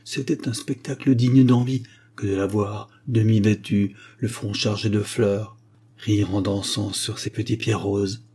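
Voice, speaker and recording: Husky low-voiced male audiobook reader. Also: unhurried. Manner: expressive, swelling with emotion. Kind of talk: literary audiobook narration.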